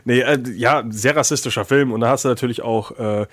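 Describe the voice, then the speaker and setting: A man's voice: medium pitch, a little fast, no echo. Rambling German-speaking man, dry close sound. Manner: rambling, many filler sounds, joking. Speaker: podcast co-host. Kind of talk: casual film chat.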